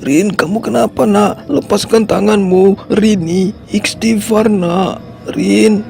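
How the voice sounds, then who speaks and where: A man's voice: high voice, steady tone, takes it slowly, gravelly, heavily acted. A man voicing a worried devout father. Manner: gentle and pleading. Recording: music playing underneath.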